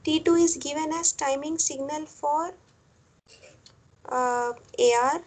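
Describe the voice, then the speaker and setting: A woman lecturer, explaining a technical topic step by step, often repeating phrases and pausing on fillers. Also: sits high, a little hiss or hum, low-quality recording. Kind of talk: classroom lecture.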